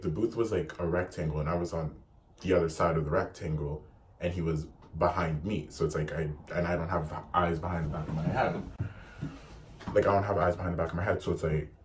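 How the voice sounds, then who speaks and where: A young man telling a personal story in a vlog, animated and profane, packing his sentences with "like.". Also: sits low, slight background noise. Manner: animated and profane, heavy use of "like". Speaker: vlogger.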